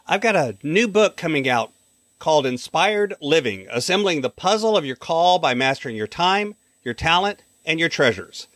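A man hosting a podcast, reading a scripted intro and asking interview questions in an earnest, measured way. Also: fairly high pitch, animated, fairly bright tone, no room sound, studio quality. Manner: earnest, measured announcer delivery. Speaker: podcast host.

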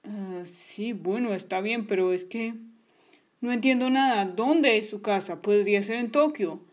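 A woman voicing a tired, skeptical male police officer in a toy story, talking low and doubtfully. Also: measured pace, darkish tone, natural voice. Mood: weary.

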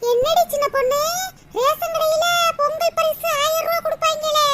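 A woman's voice: steady tone, moderate pace, heavy background noise. A woman voicing Rani, a chatty and dramatic village woman in a cartoon comedy, speaking with a Tirunelveli Tamil accent and plenty of exclamations. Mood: fussing. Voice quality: shrill, exclaiming, scolding. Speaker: Rani akka.

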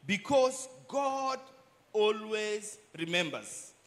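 A man preaches to a church congregation, his voice notably high for a man and lively in intonation. He delivers the sermon in short, measured phrases, pausing after each so an interpreter can speak.

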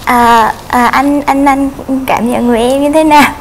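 A woman's voice: sits high, steady tone, normal speed, slight background noise, rough recording. A young woman, a dating show contestant answering shyly and politely with many hesitations.

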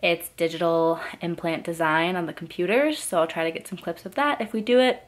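A woman in her twenties, a dental student, chatting casually to a laptop camera in her bedroom at night, rambling through her day. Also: fairly low pitch. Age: 20s. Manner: chatty and rambling, quick asides.

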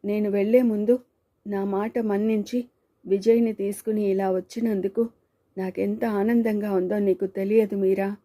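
A woman's voice: mid-range voice, flat delivery, moderate pace, dark tone, lightly acted. A woman reading a remorseful, self-blaming man. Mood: pleading. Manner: subdued, pleading.

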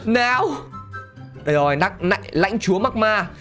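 A man giving excitable gameplay commentary, laughing often and talking straight to his viewers. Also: high-pitched, moderate pace, music in the background. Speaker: gaming channel host.

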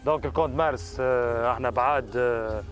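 A man's voice: medium pitch, fast. A man in his thirties with a Tunisian accent, hosting a casual car test drive outdoors and in the car, chatty and slipping French words in. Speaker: car reviewer and host. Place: outdoors in desert, then inside a car. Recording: music playing under the voice.

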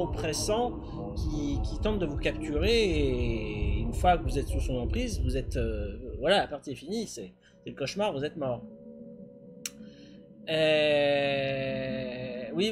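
Man, middle-aged, high-pitched, casual game streamer, rambling, self-deprecating, music behind. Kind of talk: casual live-stream chat. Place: indoor home streaming setup.

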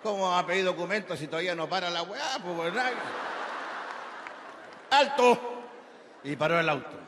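A man's voice: sits high, quick pace, noisy background. A man with a Chilean accent telling crude, rambling jokes full of slang in a stand-up set on a big festival stage. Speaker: stand-up comedian. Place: large festival amphitheater stage. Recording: reverberant live venue with crowd ambience.

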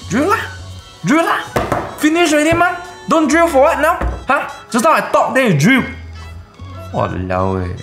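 A man's voice: extremely high pitch, sing-song, normal speed, music in the background. A young man with a Malaysian English accent, a video host ranting comically in colloquial Singlish-style slang with lah and ah tags. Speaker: tech reviewer, video host.

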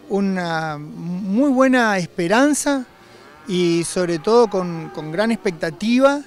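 High-pitched middle-aged man. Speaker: livestock producers' representative. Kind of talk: on-camera interview remarks. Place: outdoors by cattle pens. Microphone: handheld reporter microphone.

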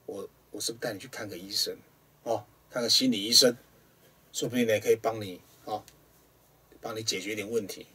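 A man voicing a worried husband who gently and hesitantly comforts his wife. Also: fairly low pitch, steady tone, a little fast, long pauses, slightly rough, recorded from a distance, full character voice. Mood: concerned. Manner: soft, hesitant.

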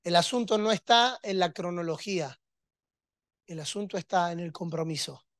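Emphatic preacher. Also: male voice, high voice, moderate pace, a bit bright, no room sound, clean studio sound. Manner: emphatic, rhetorical, with humor. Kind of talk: sermon.

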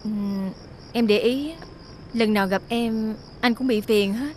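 A woman's voice: on the high side, a little slow, darkish tone, slight background noise, natural voice. An actress playing a chatty jobless young woman who tells her story.

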